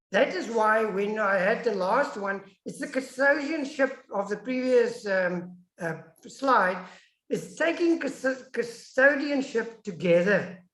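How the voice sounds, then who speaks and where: A guest academic from South Africa, whose first language is Afrikaans, delivers an emphatic webinar lecture with audience questions over an online video call. Her voice is mid-range, and the indoor room sounds echoey on the call.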